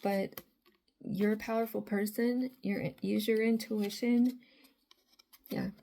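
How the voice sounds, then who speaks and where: Slow, gravelly-voiced woman reading tarot. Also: medium pitch, steady tone, dark tone. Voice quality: raspy. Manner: rambling, frequent filler phrases. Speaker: tarot reader.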